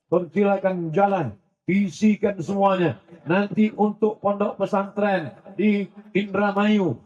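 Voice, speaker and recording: A man delivers a sermon to a large gathering, his voice high and husky. He mixes jokey stories with recited Arabic verses and rising, emphatic appeals. The recording sounds dull and lo-fi. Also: darkish tone. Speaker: Islamic preacher.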